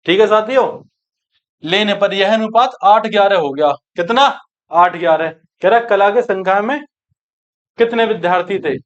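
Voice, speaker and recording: A man from teaching a maths class, working each problem aloud and asking his students questions. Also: sits high. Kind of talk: exam-prep maths lesson. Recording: dull lo-fi online class recording.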